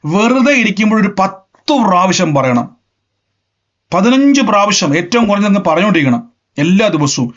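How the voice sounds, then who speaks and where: A man preaching a sermon, emphatic and repetitive, often rising in pitch and force. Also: very animated, normal speed, muffled recording. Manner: emphatic, repeats phrases, rises in pitch and volume. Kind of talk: Pentecostal sermon.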